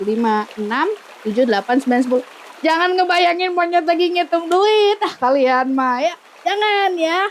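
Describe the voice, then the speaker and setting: A woman's voice: high-pitched, slight background noise. A young woman with a Sundanese accent coaching in a casual, playful, giggly way, often breaking into pious exclamations. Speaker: manifestation coach. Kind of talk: casual teaching talk.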